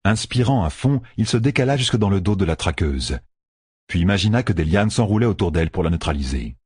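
A man with a husky voice narrating an audiobook with expressive storytelling. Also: sits low, fairly quick, no echo. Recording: dry close recording.

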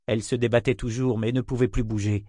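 A man narrating an audiobook chapter in a measured, expressive reading. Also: medium pitch, no echo, studio quality. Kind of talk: scripted narration.

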